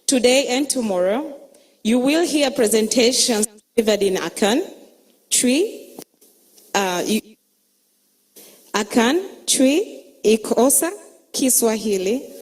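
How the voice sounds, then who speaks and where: A woman from Tanzania, emceeing a conference with a measured, emphatic way of listing things. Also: a little high, darkish tone. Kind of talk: opening conference address. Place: conference hall. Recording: long reverb of a hall.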